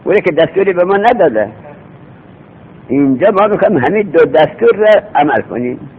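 Male teacher, raspy voice, slightly high pitch, patient with repeated rhetorical questions, over a tinny line. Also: expressive. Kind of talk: seminary grammar lesson. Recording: tinny phone-like recording with faint rumble.

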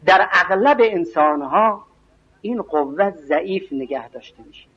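A preacher delivers an evening lecture in a slow, weighty cadence, often stopping to recite scripture and poetry. His voice sits fairly high for a man, and the recording sounds dull and muffled. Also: lively intonation, slightly rough. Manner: slow, emphatic, quotes scripture and verse.

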